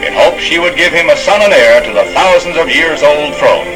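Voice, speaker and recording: Fairly high in pitch and expressive at a moderate pace, an American announcer delivers formal, emphatic narration from a 1960s newsreel script. The audio is poor, an archival soundtrack with loud music underneath.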